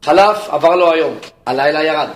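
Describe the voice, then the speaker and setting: A man, a rabbi, preaching a sermon and telling a story with lively narration, speaking directly to his listeners. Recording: echoey room, faint rumble.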